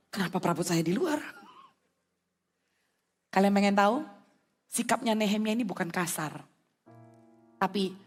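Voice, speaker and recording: A woman pastor giving a lively youth sermon, mixing English phrases into her talk. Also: mid-range voice.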